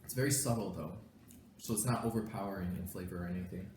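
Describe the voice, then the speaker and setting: A man's voice: deep voice, fast talker, a little mellow. A young man chatting casually to viewers while eating, talking with his mouth full between bites. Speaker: vlogger. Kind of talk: casual mukbang chat. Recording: roomy echo, faint background hiss.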